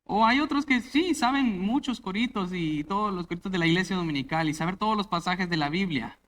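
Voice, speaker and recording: Emphatic male preacher, higher voice. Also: brisk, slight background noise. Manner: emphatic, rising to loud stresses and dropping to soft asides. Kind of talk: sermon. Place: church.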